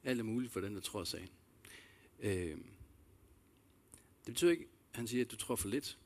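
A man's voice: on the low side, lively intonation, darkish tone. A man preaching a sermon, earnest and reflective, repeating key phrases and addressing listeners directly with questions. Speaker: pastor.

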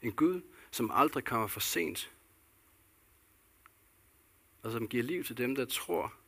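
A man's voice: medium pitch, lively intonation, vocal fry, fairly bright tone, slightly rough. A man delivering a sermon as a pastor, earnest and repetitive, posing questions to the congregation.

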